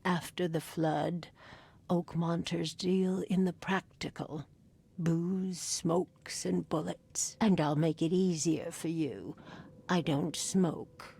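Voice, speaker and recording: An actress playing a mysterious, coaxing fortune teller in a video game, with a theatrical, mystic delivery and a husky, breathy voice. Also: female voice, on the low side, fairly even intonation, mellow, exaggerated voice. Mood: coy, bargaining. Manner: theatrical, mystic, slow and drawn-out.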